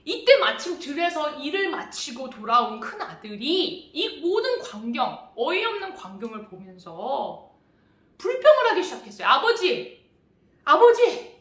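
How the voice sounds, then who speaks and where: A woman's voice: high voice, sing-song, moderate pace, a bit bright. A woman preaching to children in a church, telling the story expressively and asking them questions. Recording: echoey church hall.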